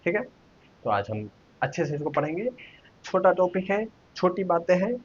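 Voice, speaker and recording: A man's voice: sits high, sing-song, normal speed, slight background noise. A man teaching a Hindi grammar lesson online, asking the viewers questions and sounding out letters one at a time. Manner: asks questions to viewers, then answers them. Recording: dull lo-fi recording.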